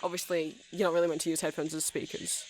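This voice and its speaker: In an ASMR roleplay with poor audio, a performer with a mid-range, flat, fast voice close to everyday speech plays a male vampire who sells music. The character is nerdy, awkward and friendly, rambling hesitantly and apologetically to the listener in a helpful way.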